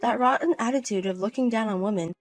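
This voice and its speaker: A woman's voice: fairly high pitch, fast, faint music behind. Cold, cutting woman with a raised voice. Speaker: narrator and wife in a voiced story. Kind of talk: scripted drama voice acting.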